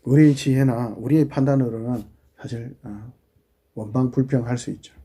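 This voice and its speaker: A middle-aged pastor with a husky, mid-range voice preaches conversationally at a moderate pace with fairly even intonation. He poses questions to the congregation and slips into quiet asides.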